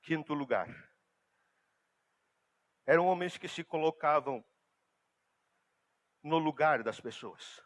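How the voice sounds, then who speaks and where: A male pastor preaching a sermon, emphatic and swinging from hushed, slow passages to loud, high-pitched outbursts. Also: expressive.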